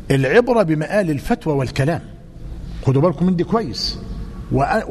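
An Egyptian man teaching a religious lesson in a fast, lively voice that repeats its warnings for emphasis. His slightly raised pitch carries through a long-reverberating hall, with faint noise in the background. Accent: Egyptian Arabic. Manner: animated and emphatic, repeating key phrases.

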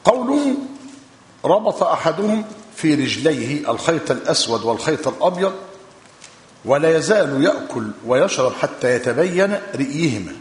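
A man with an Egyptian accent teaching a hadith lesson, reading texts aloud in a measured way and explaining them with colloquial asides. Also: fairly high pitch, very animated. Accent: Egyptian Arabic. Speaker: religious teacher. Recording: echoey hall with long reverb.

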